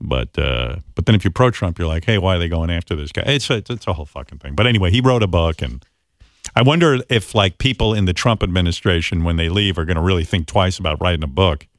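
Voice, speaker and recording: Crude male radio host, joking banter, lively pitch, dry studio sound. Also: fast, no room sound. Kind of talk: casual comedic banter.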